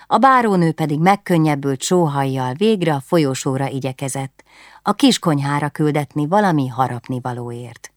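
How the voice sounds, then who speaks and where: A woman reading a historical novel aloud in calm, measured narration on a close studio mic. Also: low voice, no echo. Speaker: audiobook narrator.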